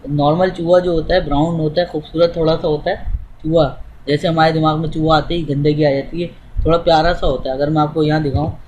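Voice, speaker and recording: A man's voice: a little high, flat delivery, quick pace, a little mellow, muffled recording, slight background noise. A man teaching English, explaining step by step in an informal way to a student while demonstrating on screen.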